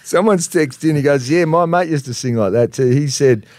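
A man's voice: medium pitch, a little fast, no echo, studio quality. A man with an Australian accent, co-hosting a casual radio chat and telling stories with plenty of laughter. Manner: laughing, playful, animated storyteller. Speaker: co-host, TV reporter.

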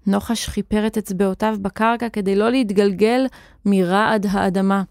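A woman narrating a children's audio story in an expressive, vivid reading. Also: medium pitch, no echo, clean studio sound.

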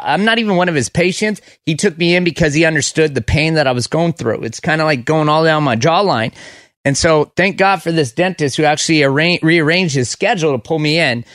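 A man's voice: fairly high pitch, a bit bright, dry recording, clean studio sound. A man hosting a radio show, chatting casually with callers. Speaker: radio host. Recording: music playing behind voice.

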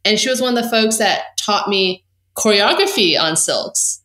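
A woman's voice: mid-range voice, expressive, moderate pace, fairly bright tone. Dry-humored woman in her thirties, echoey. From raised in the UK. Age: 30s. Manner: dry, joking, matter-of-fact. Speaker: podcast guest. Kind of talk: casual interview chat. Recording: echoey room.

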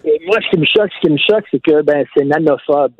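Man guest telling stories, mock outraged, kinda high voice, muffled dry line. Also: fast talker, slight background noise. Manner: mock-indignant, storytelling. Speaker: guest calling in. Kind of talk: casual radio chat.

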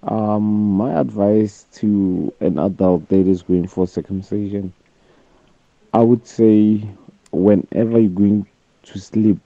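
Guy in a voice note played on radio, deep slow, dull lo-fi phone sound, hesitant. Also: steady tone, vocal fry, dark tone, no room sound. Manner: hesitant, chuckling, with many fillers. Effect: recorded voice message played on air. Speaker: listener sending in a voice note. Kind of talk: casual advice.

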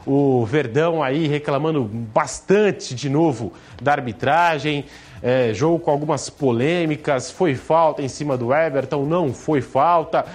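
Brazilian male sports host, slightly high voice. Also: darkish tone. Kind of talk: radio sports news presentation.

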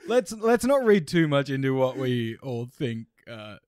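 A man's voice: mid-range voice, sing-song, a little slow, darkish tone, no room sound, studio quality. An Australian man co-hosting a comedy podcast in casual chat, laid-back and sweary, often laughing as he talks.

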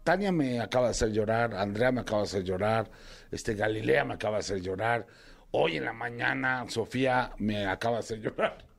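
A man with a Mexican Spanish accent, chatting as a talk show guest, animated, imitating his kids and telling silly jokes. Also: lowish voice, a little fast, creaky. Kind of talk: casual chat.

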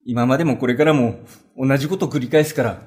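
A man's voice: medium pitch, fairly quick, a little mellow, lightly acted. A man playing a broke male carpenter who gambles, talking in casual, coaxing street speech in a rakugo story. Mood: weary.

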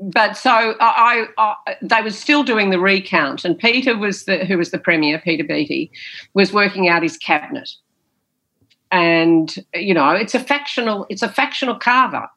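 A woman, formerly a politician, answers interview questions in a mid-range voice that is expressive and sharp, at a moderate pace. Her emphatic, storytelling delivery is big and theatrical, with repeated phrases and many a "you know." The recording sounds rough.

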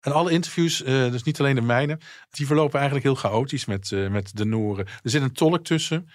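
A man in casual radio chat, relating his interviews as a reporter in a relaxed storytelling way. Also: medium pitch, fairly quick, no echo, studio quality.

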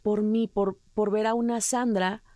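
A woman's voice: medium pitch, little pitch movement, measured pace, warm tone, no echo, clean studio sound. A Mexican woman with a Mexican accent, an interview guest telling her story earnestly and emotionally, often restarting her sentences. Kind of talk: candid personal interview.

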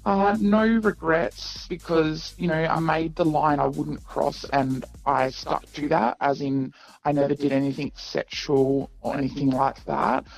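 Woman with an electronically disguised deep voice. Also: steady tone, creaky, soft background music, low-quality recording. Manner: hesitant, many ums and pauses. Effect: disguised voice, electronically lowered to sound deep. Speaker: anonymous caller. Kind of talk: radio call-in chat.

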